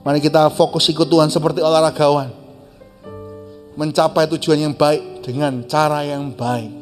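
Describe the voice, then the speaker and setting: A man's voice: on the high side, normal speed, soft background music. A male pastor preaching a sermon, telling a story with animation. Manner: animated storytelling, acting out quotes.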